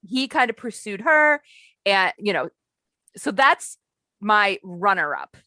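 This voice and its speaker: Gushing bright-voiced woman. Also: mid-range voice, big pitch swings, slow, no room sound. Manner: gushing, rambling, many likes. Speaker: podcast co-host. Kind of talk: casual chat.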